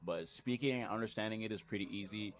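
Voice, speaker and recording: A man with a lowish voice talks quickly as a guest in a casual conversation. He's easygoing but emphatic about his views and says "you know" often.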